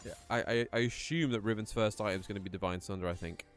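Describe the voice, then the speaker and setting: Excitable male esports caster, faint music. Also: fairly low pitch, quick pace. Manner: chatty, rambling, gets excited during fights. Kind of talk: live play-by-play game commentary.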